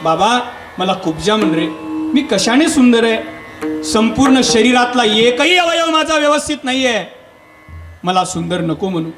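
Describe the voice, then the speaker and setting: A man's voice: very high voice, lively intonation, measured pace. A man playing a crooked, poor woman who scolds and pleads, inside a devotional storytelling sermon. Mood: pleading. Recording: echoey hall with music behind.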